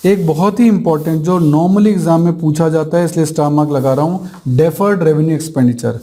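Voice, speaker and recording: A man's voice: fairly high pitch, warm tone. A male teacher giving an exam-prep accounting lecture, explaining step by step, mixing English terms into his Hindi and asking rhetorical questions that he answers himself. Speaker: commerce teacher.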